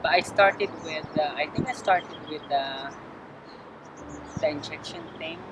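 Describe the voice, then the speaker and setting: A young woman from the Philippines answering interview questions outdoors, halting and full of fillers and restarts. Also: deep voice, heavy background noise. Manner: hesitant, lots of fillers and restarts. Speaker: interview guest. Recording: music playing clearly behind.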